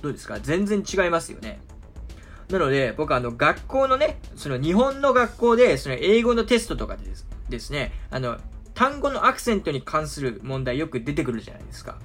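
Explaining films to his audience, this commentator keeps things loose and talkative, wandering into drawn-out asides and fillers. His fairly high, slightly bright voice swoops wildly in pitch, with gentle music playing underneath.

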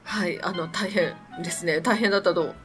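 A woman hosting a casual radio show, reading out a listener's letter, often giggling and answering with soft agreeing murmurs. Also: lowish voice, steady tone, a little fast, music in the background.

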